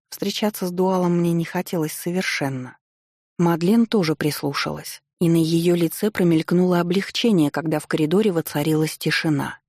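A woman narrating a first-person audiobook with wry, lively storytelling. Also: fairly low pitch, dry recording, clean studio sound.

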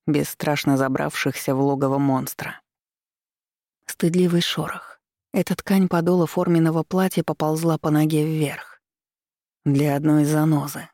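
Brief: steady audiobook narrator, gravelly texture, close and dry recording. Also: mid-range voice, no echo. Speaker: audiobook reader. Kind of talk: scripted first-person narration of a romance fantasy novel.

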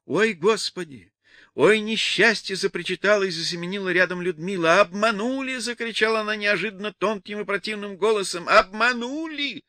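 A man voicing a young village woman, a mother who wails and laments in a shrill voice, in an audiobook reading. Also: fast, few pauses, sharp tone, no room sound, clean studio sound. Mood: wailing.

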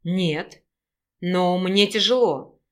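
A jealous young wolf-shifter man, growling and pleading by turns, as a woman reads him aloud in an audiobook. His voice drops lower than the narration and pushes out louder. He stays hot-tempered and sore throughout. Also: extremely slow. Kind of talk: audiobook character reading.

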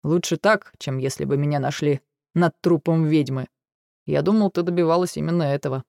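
A man voicing a weary, dry-witted male dragon in an audiobook, with a gravelly, restrained delivery. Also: a little high, brisk, a little mellow, no echo. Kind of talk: audiobook dialogue reading.

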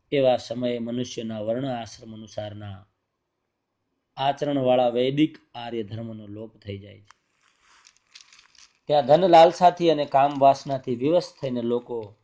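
A man reading the lines of an elderly, wise sage who gives a measured, admonishing explanation. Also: medium pitch, warm tone, lo-fi sound, lightly acted. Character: elderly calm male sage, wise and reproving.

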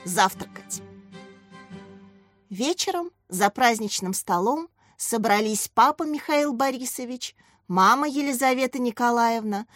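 A woman reading a children's story aloud as narrator, in an expressive storytelling way. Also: a little high, moderate pace, no echo, faint music behind. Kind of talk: audiobook reading.

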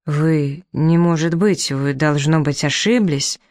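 A man voicing a calm young male country doctor who speaks gently and soothingly, in a storybook reading. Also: a little high, takes it slowly, no echo, clean studio sound. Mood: startled.

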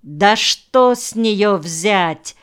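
A woman's voice: medium pitch, expressive, very slow, fairly bright tone, clean tone, pitched above the performer's own voice. A woman doing a mild, good-natured young man. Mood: reasoning.

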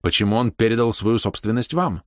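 A man voicing a blunt young gentleman who presses his accusations sharply and hurriedly. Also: on the low side, a little fast, no room sound, clean studio sound, voice pushed up, close to an everyday voice. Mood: pressing.

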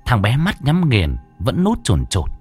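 A man narrating a ghost story in an expressive, animated storytelling manner. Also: measured pace, slightly rough, faint music behind. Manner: lively, expressive storytelling with big pitch swings.

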